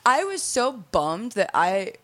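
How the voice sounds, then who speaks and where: A woman's voice: medium pitch, big pitch swings, takes it slowly, a bit bright. A young woman telling candid, crude stories in a casual chat, full of fillers and restarts.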